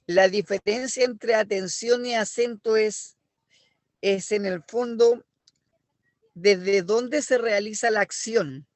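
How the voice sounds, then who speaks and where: A man's voice: sits high, no echo. A middle-aged man with a Chilean accent giving a language lesson, explaining step by step and often checking that students follow. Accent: Chilean Spanish. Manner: explanatory, checks understanding with "¿ya?" and "¿me explico?". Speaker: language teacher. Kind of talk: online class lecture.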